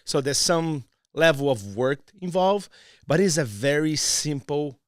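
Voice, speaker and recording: A man's voice: fairly high pitch, animated, a little slow, dry recording, studio quality. A man from Brazil, a Portuguese speaker with a Brazilian accent, talking as a podcast guest in a playful, persuasive way. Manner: playful and teasing, then earnest and persuasive. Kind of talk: casual podcast interview.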